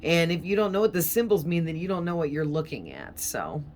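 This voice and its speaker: A woman's voice: lowish voice, animated, brisk, slight background noise. A woman giving a casual tarot reading in a chatty, rambling way, breathing a little heavily from a sinus infection. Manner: rambling, chatty, with fillers and soft laughs. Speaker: tarot reader.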